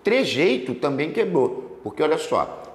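Lively teacher in an echoey room. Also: male voice, a little high. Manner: lively, stretches words slowly to spell out syllables. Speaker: exam prep teacher. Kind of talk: solving exam questions on grammar.

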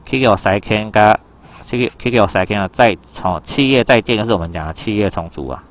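A man teaches an exam reading lesson in a loose, chatty way. His voice sits low and he talks fast. He keeps asking his students whether they follow along. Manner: explains in a loose conversational way. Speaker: Japanese teacher.

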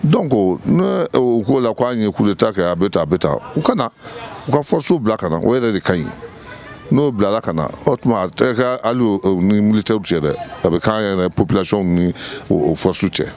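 A middle-aged man with a Malian accent, from Mali, states his opinion outdoors in a courtyard, speaking emphatically with many hesitations into the interviewer's handheld mic. His voice sits on the low side, expressive and darkish, moving a little fast.

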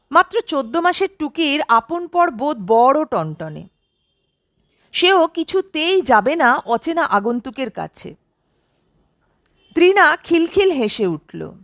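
Woman audiobook narrator, high voice, lively pitch, slow, dry close mic. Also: dry recording. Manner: expressive, measured storytelling. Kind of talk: scripted story narration.

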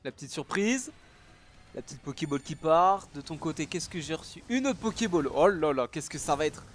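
A man recording a gaming reaction video, exclaiming loudly, swearing often and repeating his exclamations. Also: on the high side, lively intonation, moderate pace, faint music behind. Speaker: gaming YouTuber. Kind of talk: excited reaction video commentary.

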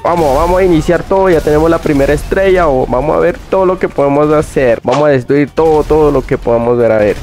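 A young man giving excited gameplay commentary, yelping and jumping high in pitch whenever something startles him. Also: fast talker, hardly any pauses, soft background music. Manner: excitable, yelps "uy" constantly, laughs often, voice jumps high when startled. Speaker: gaming youtuber.

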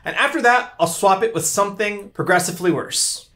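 A man's voice: sits high, brisk, bright, forceful tone. A man vlogging and commenting on his own gameplay in a casual, self-mocking way, reacting aloud as he plays. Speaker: YouTube creator.

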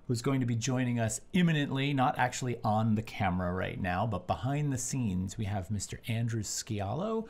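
A man's voice: medium pitch, lively intonation, moderate pace, creaky, hardly any pauses, darkish tone. A man co-hosting a live-streamed art chat show, talking casually and telling easygoing stories. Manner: chatty, storytelling, easygoing. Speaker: co-host.

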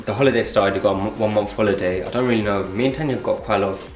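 A man's voice: fairly low pitch, rapid-fire. A young man, chatting casually to a handheld camera in his kitchen. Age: young adult. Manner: laid-back, slangy. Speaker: vlogger, husband. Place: home kitchen. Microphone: handheld camera at arm's length. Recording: echoey kitchen with faint music.

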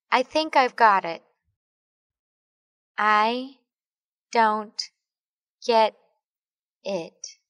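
Slow, clear woman reading English drills. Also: fairly high pitch, a bit bright, dry recording. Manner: reads each word separately, then the whole sentence. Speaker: English phrase reader. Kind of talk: slow word-by-word language drill.

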